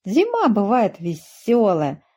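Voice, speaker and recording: A woman voicing a cheerful little boy who shouts out his answer. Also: medium pitch, takes it slowly, husky, pitched above the performer's own voice, full character voice. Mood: excited. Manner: excited, shouting. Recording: muffled dull recording.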